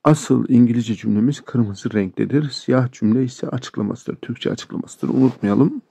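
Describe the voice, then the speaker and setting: A man teaching English sentences, explaining each one and repeating the examples slowly. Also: medium pitch, gravelly, mellow, breathy edge, dry recording. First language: Turkish. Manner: explains sentences line by line, addresses viewers as friends. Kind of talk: language lesson.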